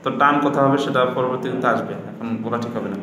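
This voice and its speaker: A man teaching a step-by-step lesson on reading Arabic letters, patiently naming each letter slowly and repeating it. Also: medium pitch, a crowd in the background. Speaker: Quran reading instructor. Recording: very echoey room with noise.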